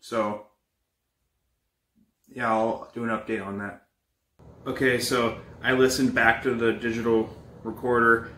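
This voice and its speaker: A young man playing an uneasy paranormal investigator in a found footage horror film, talking in a halting, casual, improvised way. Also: mid-range voice, flat delivery, bright, forceful tone. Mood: uneasy, matter-of-fact. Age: young adult. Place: indoors, bedroom and kitchen. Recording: echoey room, amateur camera audio.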